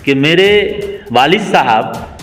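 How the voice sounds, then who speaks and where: A man's voice: a little high, lively intonation, slow pace, fairly bright tone. A man in his twenties, a local party worker, speaking emphatically in a political interview. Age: 20s. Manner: emphatic, rallying speech cadence. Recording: long reverb.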